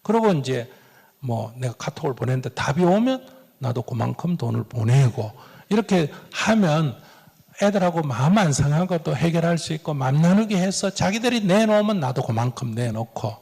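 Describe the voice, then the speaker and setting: A man's voice: fairly high pitch, normal speed, gravelly, breathy edge. A man giving Buddhist advice in a question-and-answer talk, acting out dialogue with chuckles. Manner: lively, acts out dialogue, chuckles. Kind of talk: sermon-like Q&A advice. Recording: long hall reverb.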